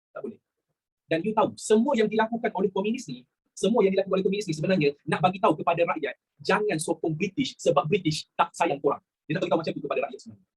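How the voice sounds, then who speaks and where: In a very high-pitched, husky voice, a man with a Malaysian Malay accent gives a chatty history class. He mixes in English words, asks rhetorical questions, and repeats his phrases.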